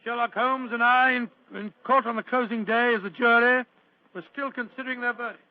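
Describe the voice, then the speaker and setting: An actor playing an elderly, courteous British Doctor Watson in a vintage radio drama, chuckling and hesitating as a storyteller. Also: male voice, very high-pitched, steady tone, brisk, dry recording. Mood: reminiscing. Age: older. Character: genial, doddering elderly Doctor Watson, storytelling old gentleman. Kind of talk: 1940s radio acting. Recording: dull, lo-fi old radio recording.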